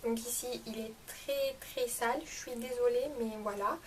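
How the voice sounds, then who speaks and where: A woman's voice: a little high, steady tone, normal speed. A young woman chatting casually through a beauty product review vlog, enthusiastic and full of fillers. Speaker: beauty vlogger. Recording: slightly distant mic with faint room noise.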